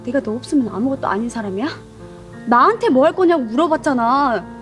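An upset young girlfriend, high and bitter. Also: lively intonation, brisk, soft background music. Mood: angry, hurt. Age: young adult. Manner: sharp, accusing, emotional. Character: frustrated young woman, older girlfriend, college senior. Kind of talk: web drama acting.

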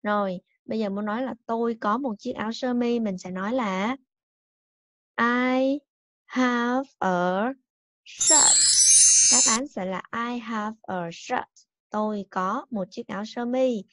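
Woman teacher slowly stressing English words. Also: fairly high pitch, muffled recording. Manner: clear, emphatic teacher talk that repeats and stresses each English word. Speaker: primary school English teacher. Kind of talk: recorded bilingual English lesson for young children.

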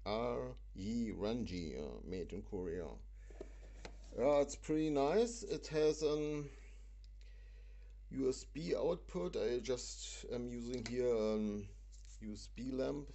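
A man hosting a casual product demo at home, talking with many pauses and fillers. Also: mid-range voice, mellow. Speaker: video host. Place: indoors at a home stove.

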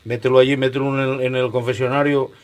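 A man's voice: medium pitch, little pitch movement, fast talker. A man with an Asturian accent telling a joke in colloquial storytelling style with regional words. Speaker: joke teller.

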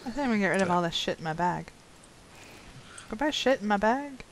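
A woman's voice: medium pitch, expressive, brisk, a little hiss or hum, poor audio. Woman gaming w her buddies, casual banter, squeamish and fed up w the jokes. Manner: squeamish, exasperated protests. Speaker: gamer playing with friends.

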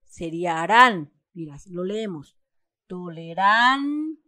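Slow, patient Mexican woman teaching. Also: mid-range voice, lively intonation, no echo. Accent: Mexican Spanish. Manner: patient, stresses syllables slowly for examples. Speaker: teacher explaining a schoolbook. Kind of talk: step-by-step homework lesson.

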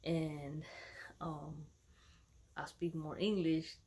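A Dallas, Texas woman in her thirties vlogs casually from home to her followers, laid-back, slangy and rambling. Her voice is deep, mellow and husky, with little pitch movement, and she talks very slowly.

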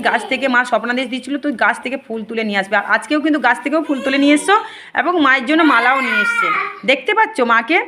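Fast-talking, high-voiced woman healer. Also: background noise. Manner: earnest, repetitive, often asks "ঠিক আছে?". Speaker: spiritual healer. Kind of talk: addressing devotees and viewers.

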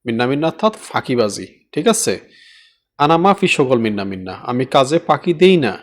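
A man from Bangladesh teaching a spoken language lesson, repeating each phrase slowly and often asking his listeners if they follow. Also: mid-range voice, sing-song. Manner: slow repetition of phrases, checking in often.

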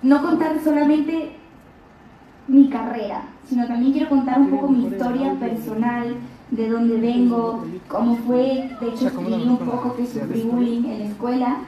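Her voice is a little high, fairly even and moderately paced: a young actress with a subtle Argentine Spanish accent, speaking earnestly and encouragingly straight to the fans in an auditorium. The clip comes from an audience member's phone, so her handheld mic sounds distant and echoey over crowd ambience.

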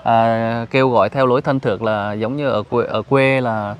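A man's voice: mid-range voice, fairly even intonation, normal speed, highs cut off, a little hiss or hum. A man hosting an interview outdoors, politely asking questions and restating the answers back. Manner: polite, frequent deferential yes-words, paraphrases answers back. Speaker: host, charity vlogger interviewing. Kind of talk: casual interview. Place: outdoors at a rural cemetery.

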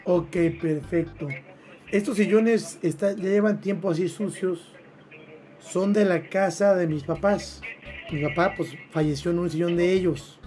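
A man in his twenties with a Mexican accent makes a prank phone call, talking casually in crude, swearing, slang-heavy language. His voice is high-pitched, mellow and a little slow. He streams from a small dark room at home, with faint music behind him.

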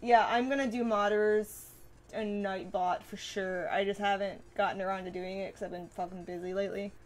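A woman's voice: medium pitch, steady tone, moderate pace. A woman streamer chatting casually with viewers, reading and answering comments in a bubbly way, swearing freely and laughing often.

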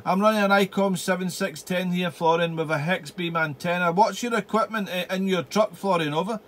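A high-pitched man works as an amateur radio operator in his home radio room. He chats casually, repeats his phrases and slips into call signs and phonetic spelling. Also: fairly quick.

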